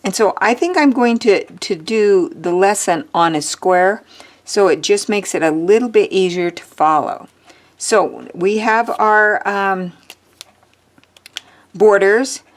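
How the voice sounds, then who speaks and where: A woman teaching a drawing lesson, chatting and thinking aloud as she draws, with the hiccups. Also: mid-range voice. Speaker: art teacher.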